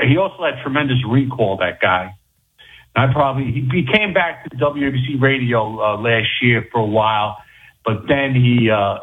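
A man from New York calling sports radio, telling an anecdote casually and addressing listeners like an animated raconteur. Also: medium pitch, a little hiss or hum. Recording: narrow phone-line sound.

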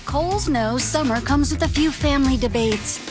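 A woman reads a retail commercial in a friendly, light way. Her voice sits a little high. A clear music bed plays underneath. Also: moderate pace. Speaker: ad announcer. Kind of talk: retail ad read.

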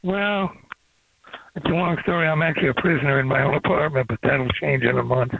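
A man's voice: on the high side, steady tone, a little fast, vocal fry, husky, dry recording. Older man rambling over a flip phone. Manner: rambling, hops between topics. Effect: old flip phone call. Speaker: caller. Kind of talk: casual call-in chat. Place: outdoors. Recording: dry, tinny phone line.

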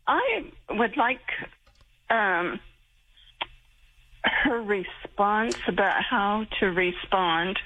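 Woman caller on a call-in show, heard over the phone, earnest and plain, thin phone-line sound. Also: medium pitch. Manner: earnest, recounting a personal experience. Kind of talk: casual call-in chat.

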